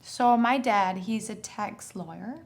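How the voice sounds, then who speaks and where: Young woman, easygoing and friendly, mid-pitch voice, chatting in an interview. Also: slow pace. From Germany. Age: young adult. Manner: easygoing, friendly, laughs often. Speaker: model, guest. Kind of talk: casual interview answers.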